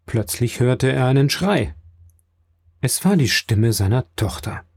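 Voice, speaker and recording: A male audiobook narrator with a dark, mellow voice. He reads in a measured, steady way. The recording is dry, with no room sound. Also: medium pitch, husky, dry recording. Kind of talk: scripted narration.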